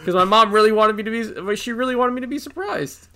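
Bright-voiced man telling profane stories. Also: high voice, fast talker. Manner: animated, profane anecdotes with acted-out quotes. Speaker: podcast co-host. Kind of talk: casual storytelling chat.

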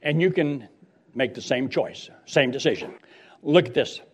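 A man's voice: mid-range voice, unhurried, slightly rough. A man preaching a sermon in a passionate, emphatic way, stretching stressed words and putting direct questions to his listeners. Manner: direct address with rhetorical questions. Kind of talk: sermon with Bible reading and storytelling.

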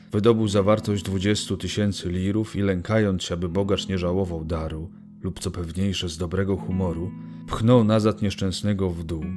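A man narrating a literary story in a measured, solemn reading. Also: low-pitched. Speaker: audiobook narrator. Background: guitar music.

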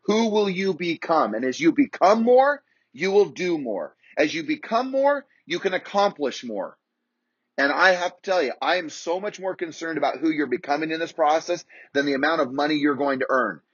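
A man's voice: on the high side, expressive, normal speed, husky, dry recording, highs cut off. A man coaching real estate agents in an emphatic, repetitive motivational talk.

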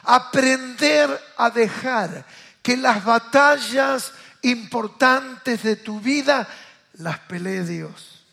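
A man with a Rioplatense accent preaching a passionate sermon, rising to loud calls and then dropping to hushed asides. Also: extremely high pitch, drawn-out words, creaky. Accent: Rioplatense Spanish. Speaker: pastor.

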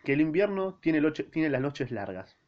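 A man's voice: a little high, big pitch swings, normal speed. A man quoting a passionate shoemaker's wife. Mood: longing. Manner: pleading, exclaiming, slangy. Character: lonely village shoemaker's wife, passionate woman. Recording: dull lo-fi recording.

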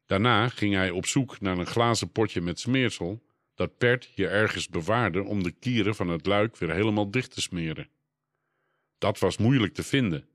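A man with a fairly low voice narrates a children's adventure story at a calm, measured pace. The delivery is scripted and steady, and the recording is close and completely dry. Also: no echo. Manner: calm, measured read-aloud pacing. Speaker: audiobook narrator.

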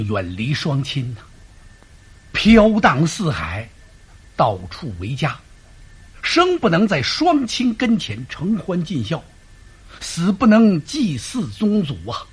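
A male storyteller plays a wily lord who talks softly and haltingly, drawing out mournful phrases. The voice is husky and rough with lively pitch swings. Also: full character voice. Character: crafty middle-aged male lord, hesitant and tearful.

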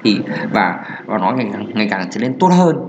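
A man's voice: fairly low pitch, big pitch swings, brisk, highs cut off, noisy background. A man hosting a casual solo podcast about marketing. He rambles with many fillers and restarts. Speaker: podcast host.

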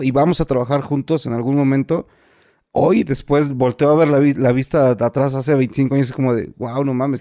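A man in his forties with a Mexican accent, an actor telling stories in a relaxed interview, full of fillers and repeats. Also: mid-range voice, dry recording, clean studio sound. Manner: colloquial, many fillers and repeats. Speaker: actor guest. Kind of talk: casual interview storytelling.

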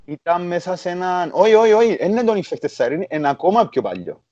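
A man's voice: high-pitched, lively intonation, a little mellow, dry recording, muffled recording. A man with a Greek Cypriot accent hosting a casual, chatty interview. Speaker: interview host. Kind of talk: casual chat.

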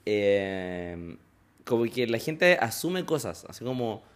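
A man's voice: fairly low pitch, very animated, takes it slowly. A young man with a Chilean accent, co-hosting a casual podcast chat with teasing sarcasm. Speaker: podcast co-host.

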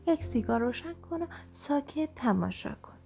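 A woman voicing an excitable, brusque middle-aged male painter in an audiobook reading, exclaiming emphatically. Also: high-pitched, creaky, voice pushed up. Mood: dismissive. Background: background music.

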